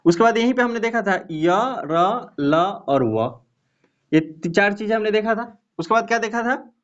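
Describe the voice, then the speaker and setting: A man's voice: sits high, expressive, moderate pace, dull audio. A man teaching a Hindi grammar lesson to students, patiently asking the class rhetorical questions as he explains.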